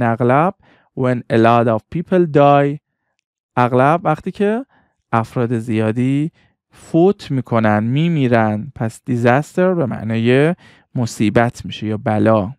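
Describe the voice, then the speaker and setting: A man's voice: medium pitch, a little mellow, clean tone, dry recording, studio quality. A man teaching English vocabulary, patiently repeating each word and its meaning. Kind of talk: vocabulary lesson.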